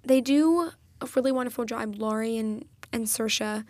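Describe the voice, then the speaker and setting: A young woman talks through a film on her own podcast, eagerly retelling its scenes with real feeling. Her voice sits a little on the high side. The recording is dry and close, with no room sound. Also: normal speed, darkish tone, no echo. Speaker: podcast host. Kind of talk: solo film review podcast.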